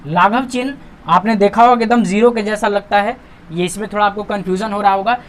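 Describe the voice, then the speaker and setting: A man with a voice that sits high and a steady tone teaches a classroom-style grammar lesson. He patiently walks through on-screen examples, poses questions to himself and answers them, and reads example sentences slowly with emphasis.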